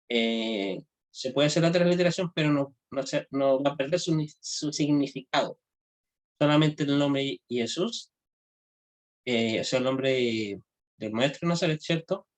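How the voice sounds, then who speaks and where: Male language teacher, slightly high voice, informal classroom lecture, frequent check-ins, halting delivery. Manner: checks understanding with frequent tag questions; halting, restarts phrases often. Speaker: Hebrew grammar teacher.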